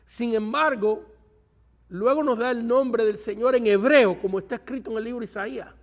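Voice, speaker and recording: A man teaches a Bible seminary class in a high voice with a gravelly, creaky edge. He keeps asking his listeners questions and then answers them himself. He often pauses mid-sentence while he looks for the best way to say something. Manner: pauses to search for words; asks the class rhetorical questions. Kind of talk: Bible study lecture.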